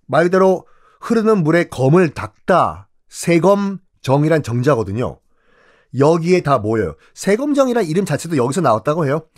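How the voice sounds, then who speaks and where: Theatrical man telling history with lively pitch. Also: moderate pace. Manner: playful, theatrical, asks rhetorical questions. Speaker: history lecturer. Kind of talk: comic history storytelling.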